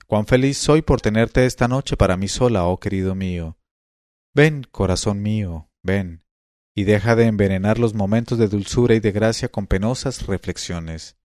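A man's voice: fairly low pitch, moderate pace, a little mellow, no echo, clean studio sound, natural voice. A man reading the lines of a bold, teasing eighteen-year-old noblewoman in a storybook tale, in a playful, coaxing way.

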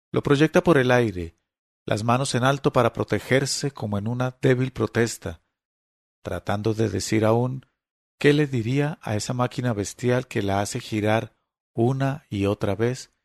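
A man reads a story aloud with steady, dramatic pacing. His mid-pitched voice carries a gravelly fry, and the recording is dry and close. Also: moderate pace, no echo. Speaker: narrator. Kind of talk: audiobook narration.

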